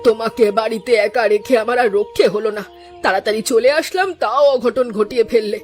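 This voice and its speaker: A woman's voice: on the high side, fairly quick, faint music behind, close to an everyday voice. A woman voicing an elderly village mother-in-law in a cartoon, scolding and suspicious, with a weary, resigned edge. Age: older. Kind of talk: cartoon dubbing.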